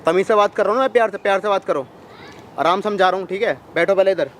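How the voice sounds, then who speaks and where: Man as blackmailing house owner, rapid speech, pushy, coaxing, faint traffic noise. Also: high-pitched, fairly bright tone. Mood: bossy. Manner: coaxing then bullying, calls everything drama. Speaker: employer of a maid. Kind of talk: Hindi short-film acting. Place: outdoors in a town.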